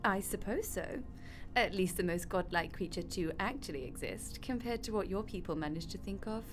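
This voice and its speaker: In a radio drama, a woman plays God as a breezy, glib figure running the afterlife with chatty, flippant matter-of-factness, explaining things plainly. Her medium-pitched voice is animated and moderately paced, near her everyday voice, heard over music.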